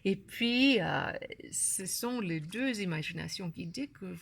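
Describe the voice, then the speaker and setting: Female tutorial presenter, native German, German accent, broken hesitant French, fry in the voice, explaining step by step. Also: medium pitch, animated, fairly bright tone, a little hiss or hum. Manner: broken, halting French with grammar slips and word searching. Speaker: course creator and app instructor. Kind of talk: unscripted tutorial walkthrough.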